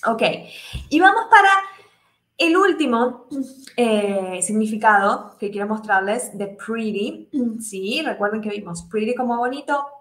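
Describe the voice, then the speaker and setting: A woman teaching English in a live class, explaining step by step, checking in with her students constantly and voicing the example sentences higher. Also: fairly bright tone, echoey room. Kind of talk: live online English lesson.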